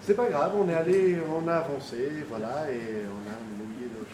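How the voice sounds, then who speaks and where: A man singing on stage with a band, teasing the audience in a dry, deadpan way between songs. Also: mid-range voice, moderate pace, far from the mic, noisy background. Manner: wry, teasing deadpan banter with the crowd. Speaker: stage singer and bandleader. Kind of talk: live stage banter and singing. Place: live concert stage with accordion band. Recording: live stage recording, roomy, loud accordion music.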